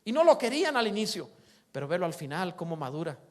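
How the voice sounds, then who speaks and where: Pastor guy preaching, kinda high voice, acts out all the characters, loud then soft. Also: sing-song, fast. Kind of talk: sermon.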